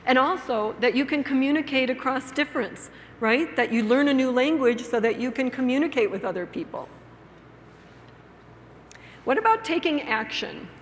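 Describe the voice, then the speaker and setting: A woman gives a conference plenary on teaching, speaking into an amplified mic and turning to the audience with questions. Her voice sits a little high. It echoes through a large hall over a faint room hum. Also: normal speed. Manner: engaging, asks the audience questions, frequent tag "right?". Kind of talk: conference lecture with a read-aloud story. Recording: long hall reverb, faint room ambience.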